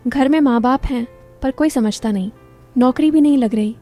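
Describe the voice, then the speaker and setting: A shy young man, bashful and hesitant, talking a little high for a man, voiced by a woman telling the story. The tone is soft and mellow, with faint music underneath. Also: moderate pace, lightly acted.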